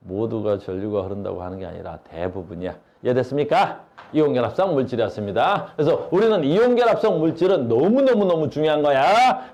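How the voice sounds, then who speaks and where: A man's voice: on the high side, a little mellow. Blunt, slangy male science teacher. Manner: blunt, slangy, asks students questions constantly. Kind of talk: classroom lecture.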